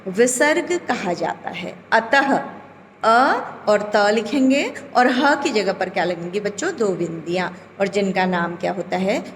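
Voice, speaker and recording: A woman teacher talks to schoolchildren at a very slow, patient pace, stretching out sounds and stopping to quiz the class. Her voice rings with a long reverb, and a faint background hiss sits beneath it. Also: medium pitch, expressive. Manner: slow, deliberate, drawing out vowels and asking questions to the children. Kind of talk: recorded online class lesson. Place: home.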